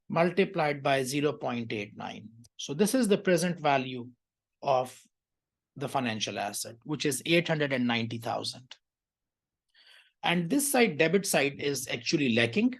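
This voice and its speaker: An accounting tutor lectures by working through an exam question, explaining in a teacherly way. He or she keeps checking that the listener is following, in a mid-range voice.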